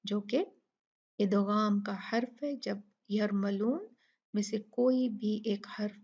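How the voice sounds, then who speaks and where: Slow, patient woman teaching recitation. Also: medium pitch, a little mellow, husky, muffled recording. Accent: Urdu-speaking. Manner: slow, patient explaining, drawn-out recitation of words. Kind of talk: tajweed lesson.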